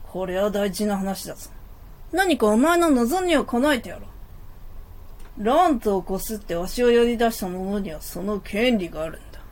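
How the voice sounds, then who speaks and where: A woman playing an ancient male lamp genie in a comic stage play, proud and exasperated, with gruff, old-fashioned, bossy speech. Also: mid-range voice, lively intonation, moderate pace, lightly acted. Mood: grumbling, self-important.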